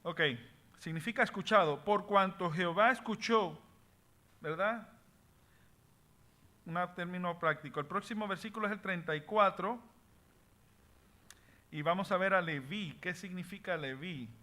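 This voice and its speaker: A man leading a Bible study class in a high voice. He reads passages aloud, stops to explain word meanings, and checks in with his listeners. His tone is bright and forceful, and he sometimes drops English words into his explanations. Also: a little slow, pauses often. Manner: switches between Spanish and English words.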